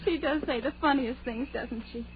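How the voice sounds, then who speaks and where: A woman's voice: high-pitched, moderate pace, lightly acted. An actress playing a timid, dreamy young woman, hesitant and earnest, in a 1940s radio drama. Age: young adult. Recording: noisy, tinny 1940s radio recording.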